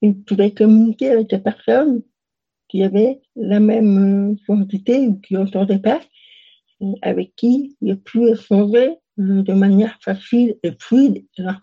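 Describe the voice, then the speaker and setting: Another young adult interview guest responds casually and haltingly, with plenty of fillers and restarts. Her voice is medium in pitch with a breathy edge, captured in lo-fi sound.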